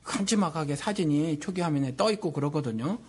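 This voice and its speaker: A man's voice: fairly high pitch, expressive, fairly quick, a little mellow, breathy edge. A Korean man, a pastor, talking earnestly and indignantly on a radio-style program, thinking aloud with fillers. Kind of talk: casual radio talk. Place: lives in Texas, USA.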